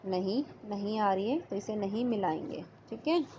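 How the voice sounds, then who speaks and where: A woman teacher with a warm, medium-pitched voice goes through a workbook lesson online, patiently sounding out letters and words. She speaks at a moderate pace in an animated way. The audio is slightly dull and lo-fi, with a little background noise.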